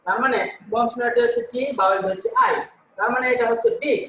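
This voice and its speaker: A man's voice: extremely high pitch, fast, pushed and bright, reverberant, slight background noise, low-quality recording. A male teacher from Bangladesh giving an online class, explaining step by step, answering his own questions and correcting himself with "sorry". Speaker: English teacher.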